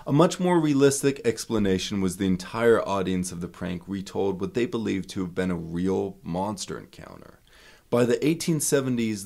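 A man recounts an old frontier legend in a storytelling style. His voice sits a little low. He leans into the dramatic moments and tosses off dry asides. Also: vocal fry, darkish tone. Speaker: museum staff member telling local lore. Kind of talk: storytelling narration of a folk legend.

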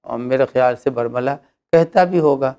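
A man's voice: mid-range voice, unhurried, warm tone, clear, resonant tone. A man, an Islamic cleric, answering religious questions with emphatic rhetorical questions.

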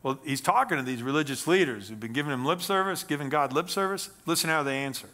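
A middle-aged male pastor preaching a sermon from a church stage, his voice bright and slightly high. He delivers it with animated emphasis and steps between reading scripture and explaining it. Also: fast. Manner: animated, gesturing, reads scripture aloud then explains.

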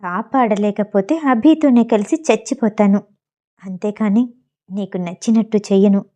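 A woman's voice: medium pitch, normal speed, mellow, highs cut off, natural voice. A woman voicing a frightened but defiant young pregnant woman who speaks firmly.

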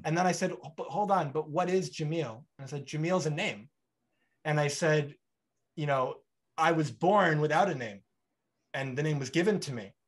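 A man in his thirties with a voice on the high side hosts a conversational podcast interview over video call, keeping a moderate pace. In his bright home room he's animated, gestures broadly, and acts out short back-and-forth exchanges, playing each role.

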